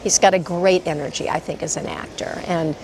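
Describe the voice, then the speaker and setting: A woman's voice: lowish voice, fairly even intonation, brisk, darkish tone, a little hiss or hum. Upbeat woman praising the film. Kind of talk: behind-the-scenes interview.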